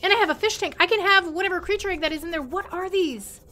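A woman playing a video game and commenting excitedly, talking to the creatures she meets. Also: very high-pitched, fast talker. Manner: excitable, exclaiming, talks to creatures. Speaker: gameplay streamer. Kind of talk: let's play commentary.

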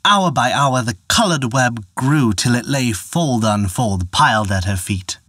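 A man narrating a folktale in a measured, expressive storytelling manner on a close mic. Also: medium pitch, husky, no room sound.

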